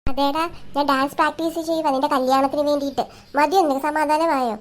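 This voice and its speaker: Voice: sits high, fairly even intonation, fast, close to an everyday voice. A child playing a nagging, irritable mother. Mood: scolding. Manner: sharp, nagging, complaining tirades. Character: irritable middle-aged mother, always scolding. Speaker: comedy sketch actor. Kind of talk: family comedy skit.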